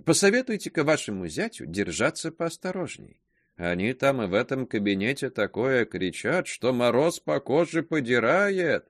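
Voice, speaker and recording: A man's voice: mid-range voice, very animated, dry recording, clean studio sound, pitched above the performer's own voice, natural voice. A man reading aloud voicing a gossipy old spinster woman who talks in sly, insinuating hints. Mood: sly gossip. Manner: insinuating, drawn-out pauses.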